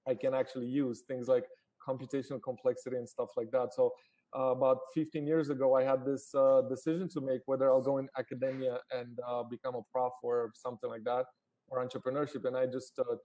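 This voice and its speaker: A man in his forties, originally from Romania, speaks casually as a startup founder appearing as a guest on a live call. His voice is mid-range with a dark tone, and he uses many fillers and frequently restarts his sentences.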